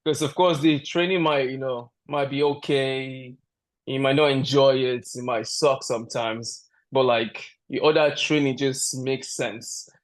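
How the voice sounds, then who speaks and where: A man's voice: medium pitch, steady tone, a little slow. A man from Canada, a powerlifter guest on a podcast, chatting casually, joking and laughing often, rambling with restarts. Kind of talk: casual interview chat.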